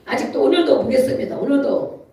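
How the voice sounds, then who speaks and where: Preacher, conversational sermon, laughs often, bursts of emphasis, mellow voice, distant mic, very echoey church hall. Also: high voice, expressive, fairly quick. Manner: chatty storytelling with frequent laughs; rising to emphatic exhortation. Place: church sanctuary.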